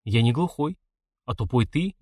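A man's voice: medium pitch, expressive, moderate pace, warm tone, slightly rough, no echo, studio quality. A man reading an audiobook, voicing a sulky, defensive teenage village boy who snaps and grumbles. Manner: snappish, grumbling.

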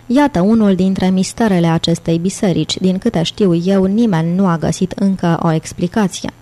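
A woman narrator voicing an elderly British gentleman scholar, speaking emphatically and lordly. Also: on the low side, natural voice.

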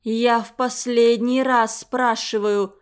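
A woman reading the part of a furious old woman who runs a boarding school, speaking slowly and hoarsely with menace. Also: a little high, steady tone.

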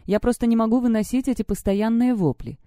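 A raging teenage witch student, voiced higher and louder than the reader's own voice, hurls insults at everyone around her, as a woman puts her on in an audiobook. Her tone stays dark, and the recording is dry and close. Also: brisk, dry recording, natural voice. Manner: shouting, insulting.

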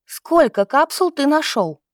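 A furious young woman in a storybook, read by a female narrator. She sounds angry and demanding, and her voice sits fairly high. The delivery is dry and close. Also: lively intonation, normal speed, no room sound, lightly acted. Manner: angry and demanding, hissing through teeth.

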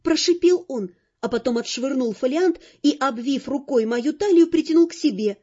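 A woman narrating an audiobook in the first person, lively and expressive, over faint music on a dull lo-fi recording. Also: high-pitched, moderate pace.

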